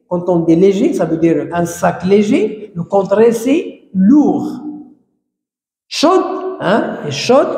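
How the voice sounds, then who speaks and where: A man teaching a grammar lesson, explaining slowly and repeating phrases while stressing key words. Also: high voice, warm tone. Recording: echoey room, long reverb.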